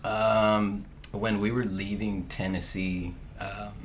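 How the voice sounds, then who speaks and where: Laid-back SoCal skater guest, deep monotone, rambling casual talk. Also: male voice, takes it slowly, a little hiss or hum. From Southern California. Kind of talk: casual chat.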